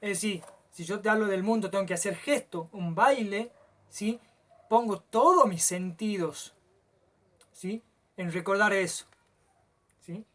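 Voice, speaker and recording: A man, teaching a lecture and often stopping to check that the listener follows, stretching some words out slowly. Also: high-pitched, fairly bright tone.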